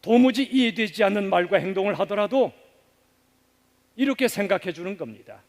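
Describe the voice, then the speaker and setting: A man preaching a sermon as pastor, asking the congregation questions and leading them in repeating phrases, with loud stresses that drop to hushed endings. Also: high-pitched, lively intonation, moderate pace. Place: church sanctuary. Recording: long reverb of a church sanctuary.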